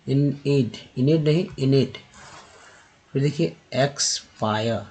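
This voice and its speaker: A man whose first language is Hindi, teaching English pronunciation slowly word by word, repeating each word and spelling out its sounds. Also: medium pitch, darkish tone, breathy edge, low-quality recording. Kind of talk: slow word-by-word pronunciation lesson.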